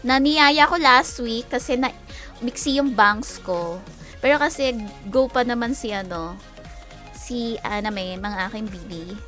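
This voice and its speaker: A young adult woman with a Filipino accent chatting casually and teasingly on a game livestream, quick to laugh. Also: fairly high pitch, fairly bright tone, faint music behind. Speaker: game streamer.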